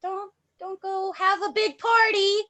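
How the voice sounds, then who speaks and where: Casting: woman voicing a shrill, slow, bright childlike clown, playful, lo-fi audio. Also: steady tone, exaggerated voice. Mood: scolding. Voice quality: very high childlike put-on voice.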